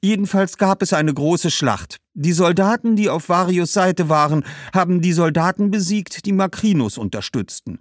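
A man voicing Cassia, an excited Roman woman eagerly spreading news and gossip in a high voice. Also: normal speed, few pauses, no echo, clean studio sound, close to an everyday voice.

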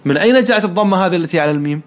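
A man's voice: high voice, animated, rapid-fire. A man teaching Arabic morphology one-on-one, patiently quizzing his student and praising the answers. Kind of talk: one-on-one lesson, question and answer.

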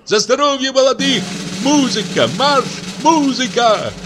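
A man voicing a fussy, embarrassed middle-aged go-between who tries to smooth things over. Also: a little high, big pitch swings, measured pace, background noise, pitched above the performer's own voice. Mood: placating. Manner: embarrassed, placating.

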